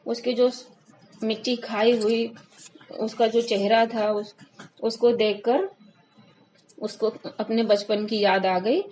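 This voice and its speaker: Lady teacher going through a poem line by line, fairly high voice, a little hiss behind. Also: steady tone, a little mellow, poor audio. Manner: reads verses slowly, then explains line by line. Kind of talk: Hindi poetry lesson, reading and explaining.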